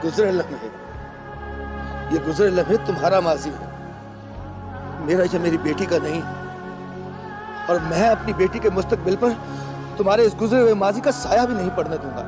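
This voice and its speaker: A man's voice: sits high, normal speed, pauses often, close to an everyday voice. An actor playing a stern, angry father who scolds harshly and raises his voice, with drama score music behind. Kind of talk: 1980s TV drama acting.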